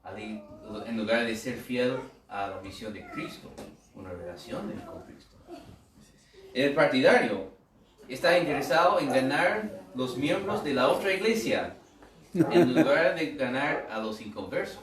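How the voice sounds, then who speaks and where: An American pastor delivers a loose, humorous sermon in a mid-range voice whose pitch swoops wildly, keeping a measured pace. He's conversational, full of asides and rhetorical questions. The mic is distant in an echoey room, with a crowd audible behind him.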